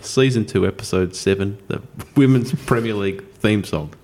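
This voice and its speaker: An Australian man hosts a casual chat podcast, with a rather low voice. He rambles along in a jokey, self-mocking way. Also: moderate pace, a little mellow. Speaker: podcast host.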